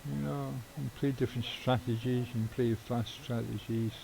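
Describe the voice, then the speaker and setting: Middle-aged streamer, mellow tone, rambling and offhand, swears casually. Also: male voice, medium pitch, fairly even intonation, fairly quick, creaky, poor audio. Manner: rambling, swears casually, chuckles at own jokes. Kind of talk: casual live-stream chat while gaming.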